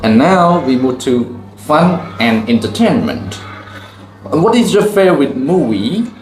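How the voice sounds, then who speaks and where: A teacher and channel host from Cambodia, a native Khmer speaker, questions a student simply in plain, broken English for a classroom Q&A video on a school campus, responding "okay" to each reply. His voice is a little high with big pitch swings and a measured pace, recorded echoey with faint background music.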